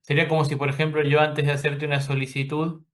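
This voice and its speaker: A man's voice: on the high side, flat delivery, fast talker, a bit bright. A man hosting an interview, paraphrasing the guest thoughtfully with hesitant restarts. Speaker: podcast host. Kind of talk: conversational interview.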